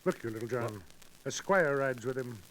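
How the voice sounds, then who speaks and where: A man's voice: mid-range voice, expressive, moderate pace, close to an everyday voice, rough recording. Guy doing a wry friar, old radio drama, mid voice, slightly hissy recording. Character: wry, droll outlaw friar. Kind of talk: 1940s radio acting.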